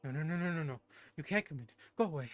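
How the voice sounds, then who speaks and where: A snooty, irritable ghost who wants to be left alone in his tomb, as a man puts him on while reading game dialogue. He talks down to everyone in an old-fashioned way, pitched a little higher than a normal speaking voice, with faint game music underneath. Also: expressive, fast talker, close to an everyday voice. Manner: haughty, dismissive, old-fashioned speech. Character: pompous ghost of a man in a crypt. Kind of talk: voicing game dialogue aloud.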